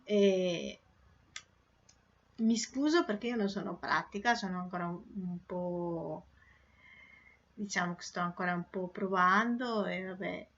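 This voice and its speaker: A woman's voice: fairly low pitch, a little slow, pauses often, fairly bright tone. A woman hosting her own channel in an informal, slightly hesitant and self-effacing way. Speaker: video channel host. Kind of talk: casual vlog talk and poem recital. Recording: dull lo-fi sound.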